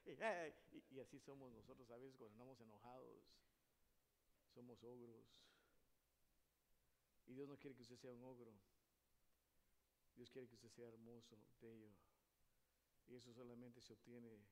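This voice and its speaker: A male pastor preaching a sermon, asking his congregation questions and moving between loud emphatic lines and quiet hushed ones. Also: medium pitch, little pitch movement, normal speed, pauses often, a little hiss or hum. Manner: addresses the congregation with frequent rhetorical questions.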